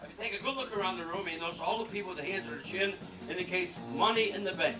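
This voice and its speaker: A man doing a stand-up comedy routine in a ship's cabaret lounge, telling jokes in a brash, rapid-fire way and teasing the audience. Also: sits high. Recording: echoey lounge recording from far off with band music.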